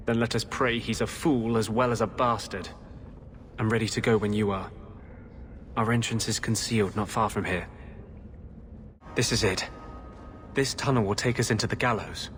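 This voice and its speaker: A man's voice: on the low side, steady tone, moderate pace, pauses often, a bit bright, slight background noise, natural voice. A man playing a troubled, idealistic rebel mage in a video game, speaking in an earnest and urgent way.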